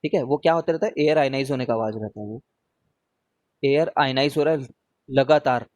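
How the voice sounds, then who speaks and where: A man's voice: medium pitch, a little fast, a little mellow, no room sound. A man teaching a live online revision class, talking casually and often checking in with his students as he answers their questions.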